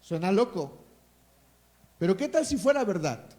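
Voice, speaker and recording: A man's voice: sits high, very animated, a little slow, mellow. A man with a Mexican accent preaching a sermon as pastor, emphatic and calling for responses from the congregation.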